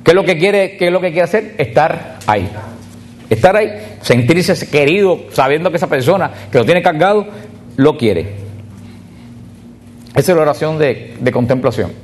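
A man's voice: a little high, expressive. Man preaching to a retreat group. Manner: speaks to a group, direct and repetitive, slowing on key words. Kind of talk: sermon.

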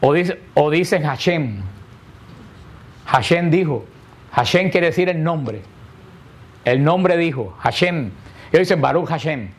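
A man with a fairly high voice delivers a sermon as a priest. He teaches by posing questions to the congregation and answering them himself. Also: animated, slow, long pauses. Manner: explaining, asks and answers own questions.

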